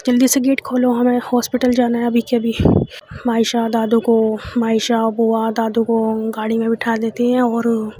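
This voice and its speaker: Mellow woman casually telling a story. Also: a little high, slightly rough. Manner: chatty, loose retelling with fillers.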